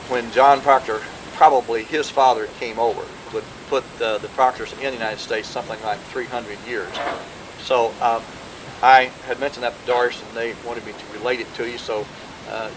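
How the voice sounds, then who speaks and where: A man's voice: medium pitch, little pitch movement. Man on hissy old VHS tape. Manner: rambling with many pauses and fillers. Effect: old VHS home video sound. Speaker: family historian speaking at a birthday gathering. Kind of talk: informal talk to relatives.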